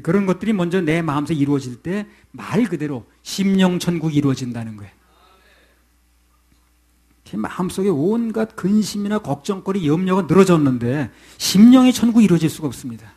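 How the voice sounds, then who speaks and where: Male pastor, middle-aged, rapid conversational sermon delivery with a slightly raised pitch. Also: sing-song, mellow. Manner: conversational preaching, asks the congregation questions.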